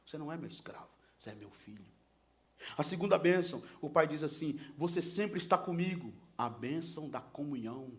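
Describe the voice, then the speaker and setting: A male pastor preaching a sermon, swinging from soft talk to shouting and acting out quoted lines. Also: on the high side, lively intonation, brisk. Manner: acts out the sons and father in quoted voices.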